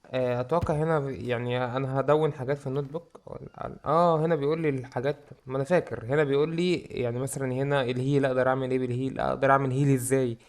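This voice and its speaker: A young man with an Egyptian Arabic accent, giving excitable let's-play commentary and joking about how scared he is. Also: mid-range voice, very fast. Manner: excitable, jokes about his own fear. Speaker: gaming YouTuber.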